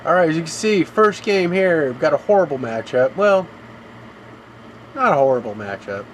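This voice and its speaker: A man's voice: on the high side, expressive, moderate pace, a little hiss or hum, poor audio. A man streaming a game live, rambling through long complaints and often saying "you know". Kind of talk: live gameplay commentary.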